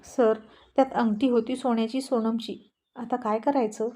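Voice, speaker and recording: A woman's voice: fairly high pitch, steady tone, moderate pace, warm tone, close to an everyday voice. A woman playing a timid, pleading young woman. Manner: pleading, fearful.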